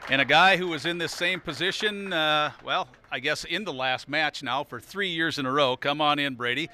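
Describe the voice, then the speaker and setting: A man's voice: fairly high pitch, pushed and bright. A man hosting a televised bowling tournament, interviewing players and presenting trophies with an upbeat manner. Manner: upbeat, quick to laugh. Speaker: TV sports host.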